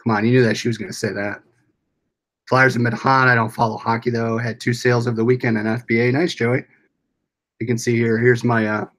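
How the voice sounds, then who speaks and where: A man's voice: medium pitch, a bit bright. An American man hosting a casual livestream, rambling along as he reads and answers viewers' comments aloud. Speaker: livestream host.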